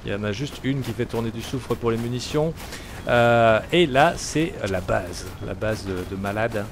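A man's voice: mid-range voice, normal speed, slight background noise. A man giving casual gameplay commentary as a gaming YouTuber, talking in a chatty, hesitant way full of fillers.

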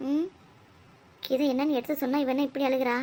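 A woman's voice: high voice, flat delivery, brisk, warm tone. A woman voicing a grumbling cartoon mother. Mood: scolding. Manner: complaining, grumbling to herself. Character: fretful scolding mother of grown daughters.

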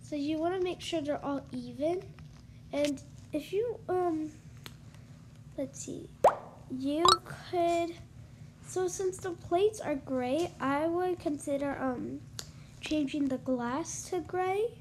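Stuffy and congested from allergies, this young gaming YouTuber chats her way through a house she made in a game, sprinkling in plenty of ums and likes. Her voice sits high and moves slowly over a noisy background.

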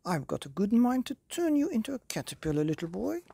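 A woman voicing a prim chattering fairy godmother, high-pitched, swooping up and down. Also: big pitch swings, a little fast, creaky, warm tone, slightly rough, no room sound, clean studio sound, full character voice. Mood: cross. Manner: prim, chattering, self-absorbed. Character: fussy vain fairy godmother, female, easily flustered.

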